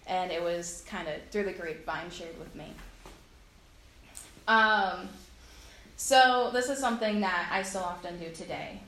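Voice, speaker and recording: A woman's voice: on the low side, unhurried, long pauses, fairly bright tone. Earnest woman giving testimony in echoey hall. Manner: heartfelt, earnest storytelling with frequent fillers. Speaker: speaker sharing a personal testimony. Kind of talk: personal testimony to a congregation.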